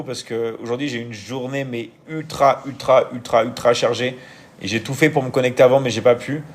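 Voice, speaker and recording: A man hosting a casual live stream, answering viewer comments in a hesitant way, with frequent fillers and restarts, and often checking in with his audience. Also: medium pitch. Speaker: live-stream host and coach.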